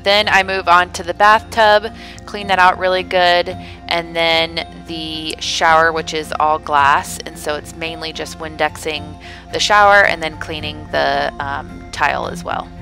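A vlogger in her thirties films herself with a phone camera held at arm's length, narrating her cleaning day inside a large house and chatting casually with lots of "like" and "um". Her low-pitched voice is pushed and bright, fairly even in intonation and a little slow, with soft music behind.

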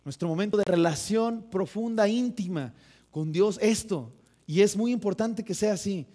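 A young man with a Mexican Spanish accent delivers a sermon in a church, his voice sitting noticeably high for a man. He speaks conversationally, mixes in humor, and keeps turning to the congregation with rhetorical questions. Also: normal speed, dark tone. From northern Mexico. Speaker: preacher. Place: church sanctuary.

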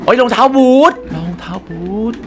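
A young man hosting a gaming channel, excitedly commenting on a puzzle game and talking to his viewers. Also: sits high, moderate pace, slight background noise. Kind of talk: let's play commentary.

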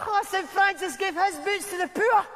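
An actor playing a scruffy, foul-mouthed Glasgow layabout on stage, with a rough street accent and argumentative manner. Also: male voice, extremely high pitch, normal speed, fairly bright tone. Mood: indignant, scornful. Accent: Glaswegian street accent. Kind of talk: live stage sitcom performance. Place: large theatre stage with audience. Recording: hall reverb, faint noise, old videotape.

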